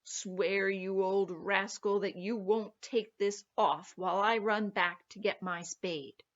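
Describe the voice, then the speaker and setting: A woman's voice: medium pitch, fairly even intonation, takes it slowly, close to an everyday voice. A cocky young farm lad from a storybook, put on by a woman reader. He is bold and greedy, speaking in an eager, emphatic, demanding way. The sound is a touch dull. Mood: commanding. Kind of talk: storybook character voice.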